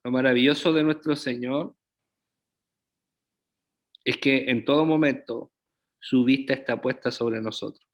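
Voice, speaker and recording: A man's voice: mid-range voice, fairly even intonation. A man preaching a sermon as pastor, often checking in with the congregation through rhetorical questions. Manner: slow, deliberate preaching with frequent rhetorical check-ins to the congregation.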